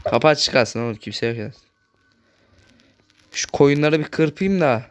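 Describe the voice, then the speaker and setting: A man hosting a gaming channel, chatting casually through his gameplay, speaking a bit loudly on purpose and constantly addressing his viewers as friends. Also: medium pitch, measured pace, smooth. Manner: talks loudly on purpose so the voice carries.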